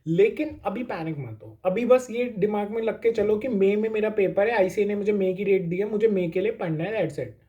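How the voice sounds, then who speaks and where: A man's voice: high voice, normal speed, dark tone, dull audio. A man giving a casual pep talk to exam students, reassuring them and repeating his points, with English phrases mixed into his talk. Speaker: exam coaching YouTuber.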